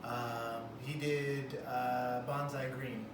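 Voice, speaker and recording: A man's voice: medium pitch, level tone, drawn-out words. A man in his twenties, a rapper, talking laid-back and casual with slang in an interview. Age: 20s. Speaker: guest rapper. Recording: roomy echo, far from the mic, background noise.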